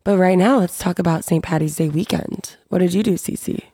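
A woman's voice: fairly low pitch, brisk, dark tone, husky, dry recording, clean studio sound. A young woman with a cold, her voice stuffy and nasal, chatting casually as a podcast co-host. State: sick with a cold. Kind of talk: casual chat.

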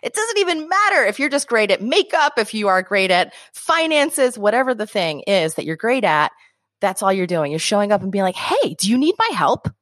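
A woman's voice: medium pitch, big pitch swings, fairly quick, fairly bright tone, no echo, studio quality. A woman from New Jersey, an author guest on a podcast, talking enthusiastically and acting out little quoted voices. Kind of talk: podcast interview.

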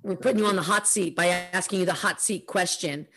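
A woman co-hosting a casual chat, teasing and quick with asides. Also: on the low side, a bit bright. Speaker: podcast co-host.

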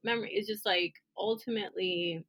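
A woman co-hosting a casual podcast chat, frank and quick to swear, laughing often. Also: medium pitch, steady tone, a bit bright. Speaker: podcast co-host.

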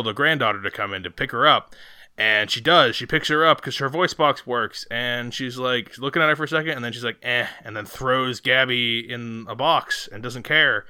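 A man co-hosting a casual film review, rambling through animated retellings with quoted asides. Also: medium pitch, clean tone, dry recording. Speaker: podcast co-host reviewing a film.

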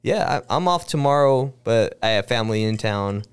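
A man's voice: medium pitch, animated, moderate pace, smooth. A man in his thirties hosting a podcast, chatting in a rambling way and laughing often. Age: 30s. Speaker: podcast host. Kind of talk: casual chat.

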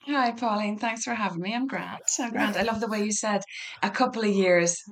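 A middle-aged woman with a west of Ireland Donegal accent, chatting casually as an interview guest and often pausing to think aloud. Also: mid-range voice, fairly bright tone. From Donegal, northwest Ireland. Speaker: podcast guest.

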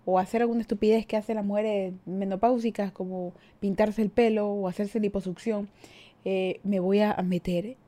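Giggly young Ecuadorian woman, mellow voice. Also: medium pitch, fairly even intonation, normal speed. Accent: Ecuadorian Spanish. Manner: giggly, self-mocking, laughs often. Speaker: podcast host. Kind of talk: casual chat reading comments.

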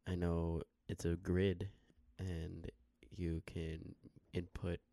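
A man co-hosting a podcast in casual chat, teasing his friend with a dry, deliberately flat delivery. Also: low-pitched, creaky, no room sound. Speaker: podcast co-host.

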